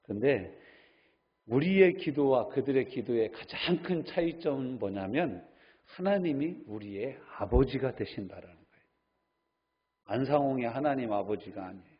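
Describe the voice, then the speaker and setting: A man's voice: mid-range voice, expressive, moderate pace, slightly rough. A male pastor preaching a sermon and putting questions to his congregation. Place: church sanctuary. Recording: dull lo-fi church recording.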